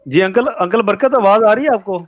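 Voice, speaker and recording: A man's voice: sits high, a little fast, lo-fi sound. A man moderating an online panel, his voice reaching the call choppy and cutting out, asking politely whether he can be heard. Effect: choppy, cutting-out video call audio. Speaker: discussion moderator. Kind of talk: casual online panel discussion. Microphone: video call. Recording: distant choppy video call line.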